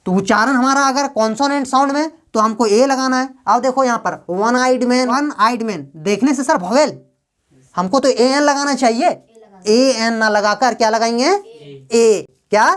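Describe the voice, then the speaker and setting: Woman teaching grammar. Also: on the high side. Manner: asks the class questions and answers them herself; drags out example words slowly. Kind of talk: classroom grammar lesson.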